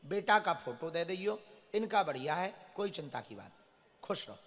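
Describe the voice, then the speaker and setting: A man leading a live devotional session, reading out a devotee's petition and blessing her, calm and reassuring but breaking into rising chanted blessings. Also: fairly high pitch, normal speed, in a large hall.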